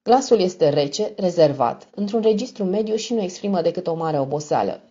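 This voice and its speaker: Woman audiobook narrator, husky, dark voice, lively pitch, dull lo-fi recording. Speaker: audiobook reader. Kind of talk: audiobook narration of a crime novel.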